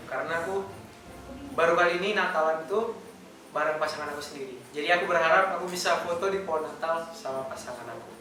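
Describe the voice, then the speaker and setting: A man's voice: a little high, sharp tone. A nineteen-year-old man, a university student, talking casually to camera in an earnest, loose way full of fillers. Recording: echoey room, voice far from mic.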